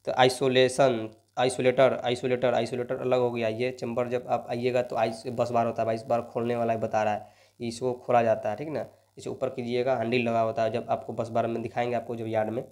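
A man's voice: mid-range voice, monotone, brisk, darkish tone. Coaxing male coaching teacher. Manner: repeats "ठीक ना" as a tag, coaxing and motivational. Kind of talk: lecture solving exam questions.

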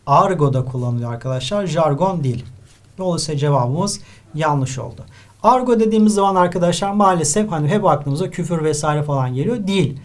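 A male teacher from Turkey goes through exam questions one at a time, explaining each answer patiently. His voice sits a bit high for a man. He writes as he talks and keeps turning to his students with questions. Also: animated, a little fast. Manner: explains step by step, addresses students often, writes while talking. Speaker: literature teacher. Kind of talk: exam-review lesson.

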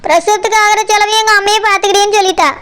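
A woman's voice: very high-pitched, steady tone, racing, a bit bright. A woman voicing an upset, stubborn pregnant young village wife in a cartoon, speaking with a Tirunelveli Tamil accent and complaining insistently. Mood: aggrieved. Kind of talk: cartoon comedy dialogue.

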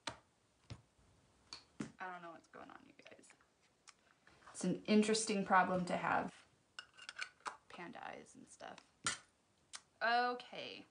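A woman's voice: fairly low pitch, sing-song, slow pace, vocal fry, pauses often, noisy background. Chatty joking woman doing makeup. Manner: chatty, joking, laughs at her own jokes. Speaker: makeup tutorial host. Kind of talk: casual livestream makeup tutorial. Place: at home.

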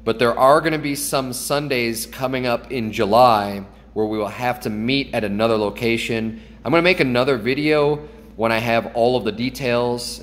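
A pastor in his thirties makes an earnest, upbeat church announcement in a casual way, with small restarts, holding his phone at arm's length in his home kitchen. His voice is fairly low, with a long reverb tail and slight background noise.

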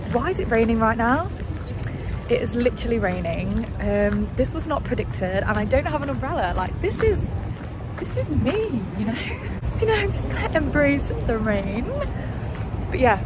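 A young woman in her twenties, chatting and gushing in a casual travel vlog, filmed on a phone at arm's length outdoors in a city. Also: on the high side. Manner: chatty and gushing, repeats stunning. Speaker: travel vlogger. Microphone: phone held at arm's length. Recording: loud street traffic noise. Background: city traffic and street noise.

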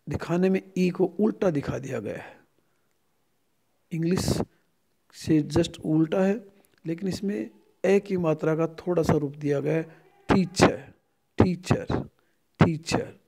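A middle-aged Indian man teaching a phonetics lesson, speaking slowly and drilling each word over and over. His voice is a touch high for a man, yet mellow and dark in tone. He speaks as a native Hindi speaker with an Indian accent. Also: gravelly. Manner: slow and repetitive, drilling each word aloud several times. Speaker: English lecturer. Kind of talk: phonetics lesson explaining vowel symbols.

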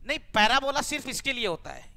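A man's voice: extremely high pitch, very animated, fast talker, creaky, sharp tone. A man teaching a maths class, coaxing students to answer with repeated rhetorical questions and homely examples.

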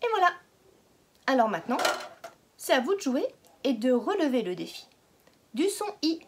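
A woman teaching a phonics lesson to young children, stretching out each word slowly and patiently asking questions. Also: high voice, big pitch swings, background noise. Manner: slow, exaggerated word pronunciation. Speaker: kindergarten teacher.

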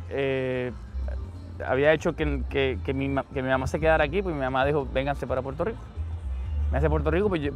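A middle-aged man from Argentina, an interview guest talking earnestly with many pauses and restarts. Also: fairly high pitch. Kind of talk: conversational interview. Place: outdoors.

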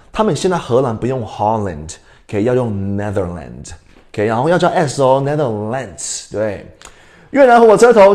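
Quizzing the people watching, a Canadian man in his young adult years teaches English over a livestream, alternating Mandarin with English. He speaks in a darkish tone that sits a little high.

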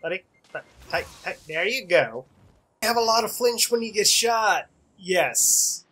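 A man's voice: high-pitched, animated, a little slow, sharp tone, slight background noise. A young man with a stuffy nose giving casual, joking commentary while playing a game. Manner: chatty, joking, talks to the game. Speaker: gaming YouTuber.

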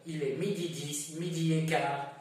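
A man teaching French to Spanish speakers, explaining slowly and repeating each example, switching between French and Spanish. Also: a little high, steady tone, a little mellow, a little hiss or hum. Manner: slow, repetitive explaining, mixing French and Spanish. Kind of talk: bilingual classroom lesson. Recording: echoey room from far off.

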